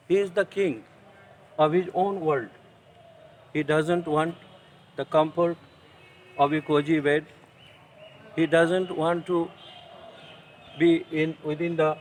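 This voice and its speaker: A man with a Bengali accent teaching an English poem in an online class, explaining slowly and switching between English and Bengali. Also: on the high side, slight background noise, low-quality recording. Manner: slow, deliberate explaining, mixing English with Bengali.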